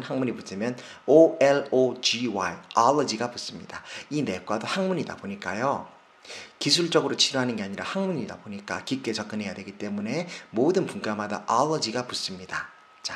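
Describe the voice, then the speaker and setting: A doctor with a mid-range, fairly bright voice gives a casual lesson explaining medical specialties. He slows down to spell out and stress English terms, using frequent fillers and correcting himself.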